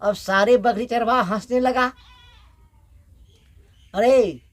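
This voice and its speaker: A man telling a folk tale aloud, slow and halting, correcting himself, raising his voice for the characters. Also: sits high, animated. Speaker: village storyteller.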